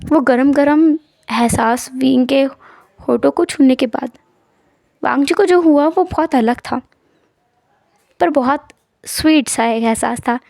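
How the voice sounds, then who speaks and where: A woman telling a fan fiction story in a conversational, expressive way. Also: high-pitched, slow, vocal fry, pauses often, dry recording.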